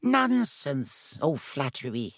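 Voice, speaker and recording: A man's voice: sits high, expressive, takes it slowly, dry recording, pitched above the performer's own voice, exaggerated voice. A man reading a storybook aloud and voicing a fussy old male history professor with a dry, reedy voice and a pedantic, irritable manner. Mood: dismissive. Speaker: audiobook narrator voicing a character.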